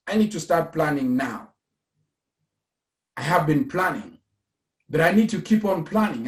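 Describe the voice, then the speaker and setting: With a fairly high, slightly mellow voice, a Cameroonian man in his thirties pitches casually as the founder of an investment firm. His talk on pensions and investing is earnest, punctuated by preacher-style repetition, and the room has noticeable echo.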